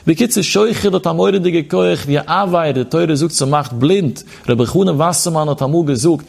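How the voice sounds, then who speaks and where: A man's voice: a little high, normal speed, creaky, darkish tone. A man giving a religious text lesson, reading quoted passages aloud and explaining them with emphatic rhetorical questions. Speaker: religious teacher.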